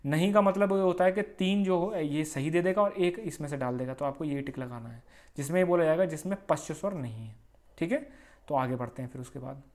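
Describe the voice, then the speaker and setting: A man teaching an exam-prep grammar lesson, explaining slowly, repeating points and sounding out vowels aloud as examples. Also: a little high, darkish tone.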